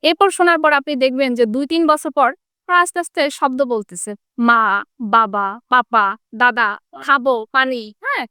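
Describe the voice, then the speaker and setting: Smooth-voiced woman teacher. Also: high voice, moderate pace, pushed and bright, dry recording, studio quality. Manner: asks rhetorical questions, checks in with tag questions. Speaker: English teacher. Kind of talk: explanatory interview talk.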